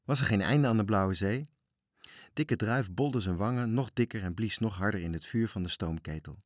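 Man reading a children's story, deep voice. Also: normal speed, no room sound, studio quality. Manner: lively, animated storytelling with voices. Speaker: narrator.

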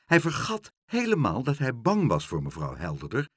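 A man narrating a children's storybook, expressive and animated, close to the mic. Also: medium pitch, moderate pace, breathy edge, no room sound.

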